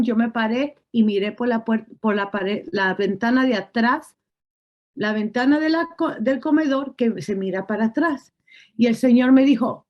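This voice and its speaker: A woman gives a testimony sermon in a high voice. She tells her story by acting out what each person said and repeats key phrases for emphasis. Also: mellow, lo-fi sound. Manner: storytelling, acting out quotes, repetitive. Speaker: preacher.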